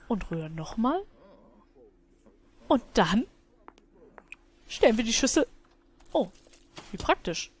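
A woman runs casual gameplay commentary, bossing and scolding her characters with exasperated, laughing outbursts. Her voice sits somewhat high and swings widely in pitch. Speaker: let's play host.

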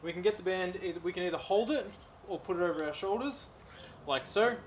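A man's voice: high voice, fairly quick, slight background noise. Man coaching home leg exercises outdoors. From Australia. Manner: relaxed, coaching while doing reps. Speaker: personal trainer. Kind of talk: exercise demonstration.

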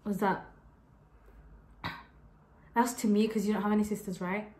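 A woman's voice: medium pitch, level tone, normal speed, a little mellow. An eighteen-year-old woman hosting a casual Q&A in a home kitchen, playful and giggly, talking close to the camera. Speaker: vlogger hosting a Q&A. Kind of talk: casual chat.

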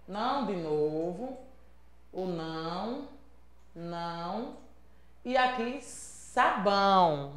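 A woman from Brazil with a Sergipe accent teaching a remote lesson to young children, prompting patiently and checking in often. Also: medium pitch. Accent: Sergipe Brazilian Portuguese. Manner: patient, sing-song teacherly prompting with frequent checks like "certo?". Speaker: primary school teacher. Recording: echoey room.

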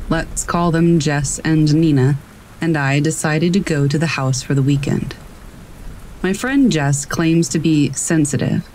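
A narrator reading scary stories aloud in a calm, measured storytelling voice. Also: mid-range voice, slight background noise, poor audio. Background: faint rain.

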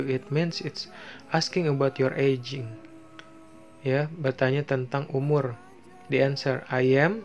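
Over a set of slides, a man with a higher-pitched voice and an Indonesian accent walks through basic English phrases, slowly explaining each and then translating it. Fillers crop up often, and the audio sounds dull.

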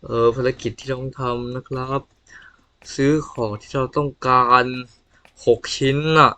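A man commentating a horror game in a deliberately low, spooky put-on voice while feeling unwell and coughing. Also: level tone, pushed and bright, dry recording. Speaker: game streamer. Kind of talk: casual horror gameplay commentary.

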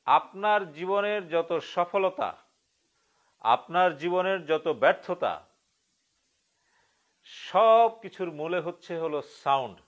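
With a high, expressive voice captured in dull audio, a Bangladeshi man teaches meditation over a live stream. He speaks deliberately and unhurriedly, drawing out important words and questioning his audience.

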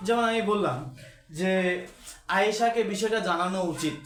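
High-voiced man teaching grammar, echoey room. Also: normal speed, fairly bright tone. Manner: asks questions and repeats key terms for students. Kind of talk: classroom grammar lesson.

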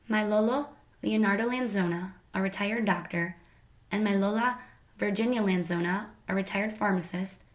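A woman in her twenties from the United States, reading her own scripted family story in a measured, careful way. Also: medium pitch. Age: 20s. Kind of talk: scripted personal narration.

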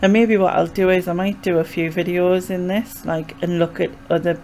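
This young vlogger's voice is fairly low, steady and a little mellow, at a moderate pace. Hailing from North East England with a Sunderland Mackem accent, she explains things in a rambling way, chatting casually and hesitantly. She records in a small bedroom on a close desk microphone with a pop filter.

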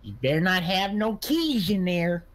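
A man playing a bumbling, indignant sheriff in game roleplay, with a husky, cracking voice. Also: high voice, big pitch swings, moderate pace. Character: excitable, bumbling, indignant Southern male sheriff. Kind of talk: improvised online game roleplay.

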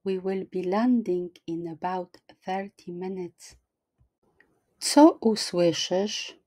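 A middle-aged woman teaching language, repeating each phrase slowly and clearly, at home on a webcam. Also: fairly low pitch, warm tone. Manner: slow, careful, clearly articulated repetition. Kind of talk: extra slow language lesson, repeating phrases.

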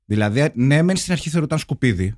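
A man co-hosting a film podcast in casual chat, often halting and restarting his words. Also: mid-range voice, expressive, darkish tone. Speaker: podcast co-host.

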